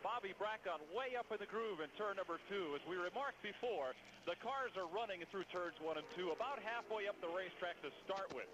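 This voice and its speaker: A man's voice: high voice, lively intonation, a little fast, hardly any pauses. An American man working as a motorsport commentator, reporting live from trackside for radio. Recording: dull, noisy radio feed.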